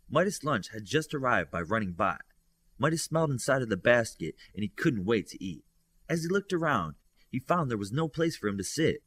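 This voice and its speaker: A man with a medium-pitched, fairly bright voice reads fiction as an audiobook narrator. The storytelling is scripted, with character dialogue lifted, and the recording is dry.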